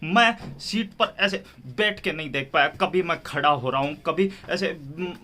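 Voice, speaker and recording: A man's voice: fairly high pitch, a little slow, sharp tone. A man hosting a reaction video, mocking a film review in a heated, sarcastic way.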